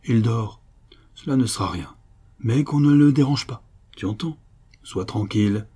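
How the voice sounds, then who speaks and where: A man's voice: medium pitch, a little slow, dark tone, slightly rough. A man voicing a loyal, strong servant who speaks curtly and bluntly. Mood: urgent. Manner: curt, blunt.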